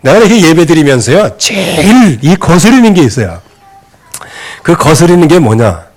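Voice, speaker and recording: A man preaching a sermon as pastor in a church, animated and acting out quoted scolding voices. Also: fairly high pitch, normal speed. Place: church sanctuary.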